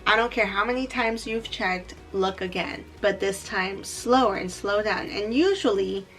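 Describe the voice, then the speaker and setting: A young woman telling a get-ready-with-me storytime, animated and laughing, slipping into Spanish now and then. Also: medium pitch, measured pace, faint music behind. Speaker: beauty vlogger.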